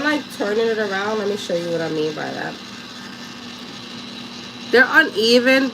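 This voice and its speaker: Hosting a live craft tutorial, a woman from Harlem, New York, chats casually and speaks straight to her viewers in a New York accent. Her voice is medium-pitched, with background noise behind it.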